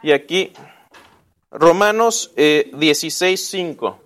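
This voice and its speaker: A man leads a Bible lesson in a high voice. He talks casually, asks the class questions and often answers them himself. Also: slow, a bit bright. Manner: casual, with restarts and asides.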